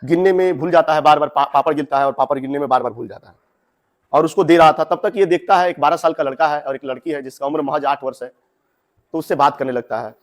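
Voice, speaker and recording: Chatty male teacher, high voice. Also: fast. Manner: chatty, addresses students directly with asides. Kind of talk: explaining a Hindi story to students.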